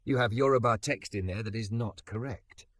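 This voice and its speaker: Gentle patient immigrant guy read by a male narrator, soft, measured, bright tone. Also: lowish voice, dry recording. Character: calm patient immigrant man, gently teasing.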